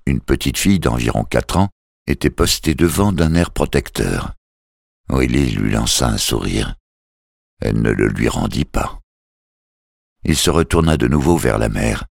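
Brief: audiobook narrator, man, extremely low gravelly voice, dry close sound. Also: no echo. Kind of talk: scripted narration.

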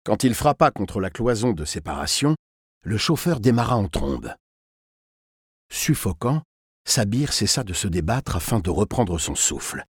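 Low husky-voiced male storyteller. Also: unhurried, no echo, clean studio sound. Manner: expressive, tense storytelling. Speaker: narrator. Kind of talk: dramatic audiobook narration.

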